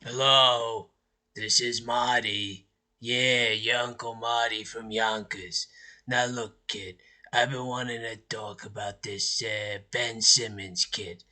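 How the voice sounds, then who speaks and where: A man's voice: mid-range voice, fairly even intonation, slow, sharp tone. A man voicing a blustery middle-aged uncle, lecturing about basketball in a voicemail, folksy and preachy, repeating "all right?" and "look". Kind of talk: phone voicemail comedy rant.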